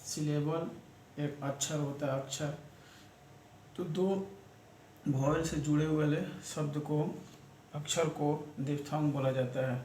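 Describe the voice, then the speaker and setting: A man teaching shorthand, explaining each step slowly and repeating himself. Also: on the high side, little pitch movement, dark tone. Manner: slow, repetitive, talks through each step. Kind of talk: classroom-style lesson explanation. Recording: echoey room with faint ambient noise.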